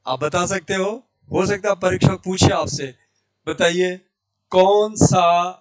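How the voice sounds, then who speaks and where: A man with a Rajasthani Hindi accent teaching an online Hindi lesson, drilling syllables slowly and with emphasis. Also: high-pitched.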